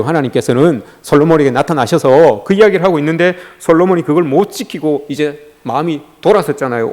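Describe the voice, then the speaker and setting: Animated male pastor preaching a sermon. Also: a little high. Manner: emphatic preaching, repeatedly addressing the congregation.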